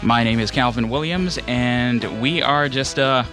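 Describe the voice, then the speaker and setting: A man hosting a radio show in natural, unscripted talk, casual and halting as he feels his way along. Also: medium pitch. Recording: music playing under the voice. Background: background music.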